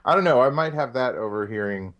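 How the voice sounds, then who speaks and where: A man co-hosting a casual film chat, jokey and animated, laughing often. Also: mid-range voice, brisk. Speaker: podcast co-host.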